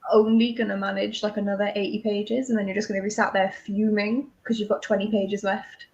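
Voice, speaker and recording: A woman on a reading stream, chatting in a teasing, animated way with frequent laughter. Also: mid-range voice, a little fast, dull audio. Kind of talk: casual chat on a livestream.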